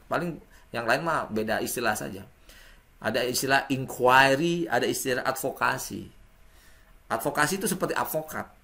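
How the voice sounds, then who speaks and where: A man giving a classroom lecture, animated and acting out sample messages with wide swings in pitch. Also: gravelly.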